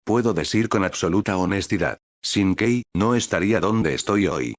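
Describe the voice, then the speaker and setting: A humble young ninja speaks with sincere earnestness, voiced by a man narrating a story. The tone is very low and dry, with no room around it. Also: lively intonation, normal speed, no echo.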